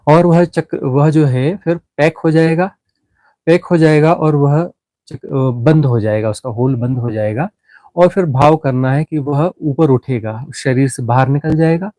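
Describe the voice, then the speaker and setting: A man teaching a guided meditation, explaining slowly with frequent restarts and fillers. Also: mid-range voice, warm tone, no echo, low-quality recording.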